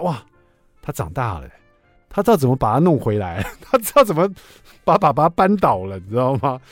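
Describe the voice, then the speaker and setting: Lively man chatting on radio. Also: a little high, no room sound. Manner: lively, chatty, asks listeners for agreement. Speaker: radio show host. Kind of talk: casual storytelling on talk radio. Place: radio studio.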